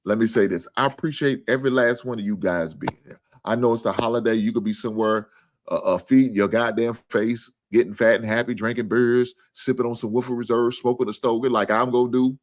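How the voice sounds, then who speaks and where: A man's voice: medium pitch, steady tone, a little fast. A man hosting a live sports stream in casual, profane talk, earnest and repetitive.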